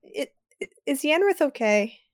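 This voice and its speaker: Brief: woman player, higher voice, unhurried, jokey, dry close mic. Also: expressive, dry recording. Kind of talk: casual tabletop game chat.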